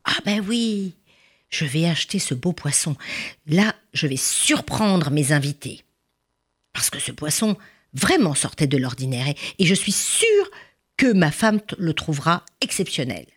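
A woman's voice: sits low, very animated, measured pace, slightly rough, heavily acted. A woman voicing a pleased male customer in a told story who talks easily.

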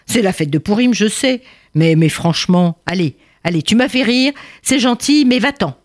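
A woman voicing a male palace guard who mocks and brushes off a visitor, her own voice raised and quickened for him. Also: medium pitch, animated, dry recording, studio quality, lightly acted. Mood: mocking. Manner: teasing, laughing, then exasperated.

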